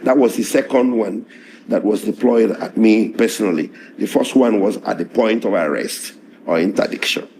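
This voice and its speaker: A middle-aged man answers interview questions in a hoarse, strained voice. His delivery is measured and halting, full of restarts. The tone is low, dark and gravelly. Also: slight background noise. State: hoarse, voice strained after tear gas. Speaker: lawyer being interviewed. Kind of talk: interview, recounting events.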